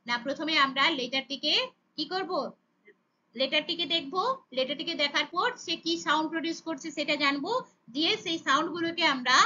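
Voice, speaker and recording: A woman's voice: high-pitched, pushed and bright, dull audio. A woman teaching children phonics, sounding out letters and blending them into words, checking in with "okay?" after each step. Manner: sounds out letters then blends, asks rhetorical questions with "okay?".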